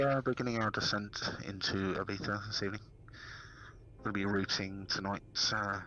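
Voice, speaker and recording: A man doing a first officer's cabin announcement, sounding like a pilot over the intercom, muffled by a hand cupped around the mic, formal and full of pauses. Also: fairly low pitch, bright, forceful tone, a little hiss or hum. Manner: measured, formal announcement delivery with many pauses. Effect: muffled pilot-over-the-intercom sound made by cupping a hand around the mic. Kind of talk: playful improvised pilot announcement during a livestream.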